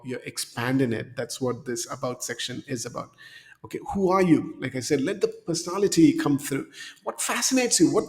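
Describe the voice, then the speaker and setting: A mid-pitched man in his thirties coaching viewers through a screen-share tutorial. He sounds upbeat and coaxing and keeps checking in with "okay?". His desk mic picks up a noticeable room reverb. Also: gravelly, darkish tone. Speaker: career coach. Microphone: desk mic in frame.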